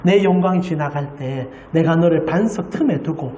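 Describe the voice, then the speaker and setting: In a church sanctuary with a roomy, echoing acoustic, a woman pastor preaches a passionate Sunday sermon, putting rhetorical questions to the congregation. Her low, warm voice moves at a normal speed, with the highs cut off.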